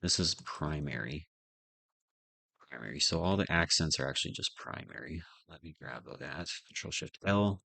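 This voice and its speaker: A man with a very low, gravelly voice talks through a coding tutorial as he types. He thinks aloud and mutters to himself. The sound is dry and close, with no room around it. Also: animated, moderate pace, pushed and bright, no room sound. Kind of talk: casual live coding narration.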